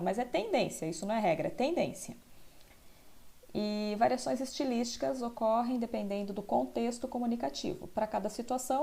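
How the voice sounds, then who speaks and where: A woman's voice: a little high, creaky, warm tone. A woman teacher explaining a school lesson, often checking in with tag questions.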